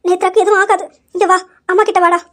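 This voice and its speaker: A woman's voice: very high voice, flat delivery, quick pace, fairly bright tone. A woman voicing a loving middle-aged mother who soothes and reassures her crying son in an audio drama. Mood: anxious comforting. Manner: soothing, pleading. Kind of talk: amateur audio drama acting.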